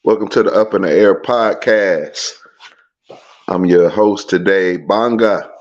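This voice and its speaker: A man with a lowish voice hosts a podcast in a relaxed, casual chat. He talks loosely with slang and trips over his words at times. The sound is dull and a little lo-fi. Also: slow. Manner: laid-back, loose slang, some stumbles. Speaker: podcast host.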